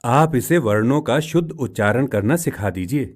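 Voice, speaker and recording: A woman voicing a gentle, reassuring father crow in a cartoon story. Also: extremely low pitch, expressive, moderate pace, husky, exaggerated voice.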